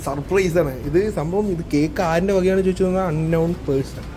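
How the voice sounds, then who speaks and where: A man's voice: fairly high pitch, brisk, music in the background. A man vlogging in a casual, joking way, teasing his friend and talking to viewers as guys. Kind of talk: casual vlog narration.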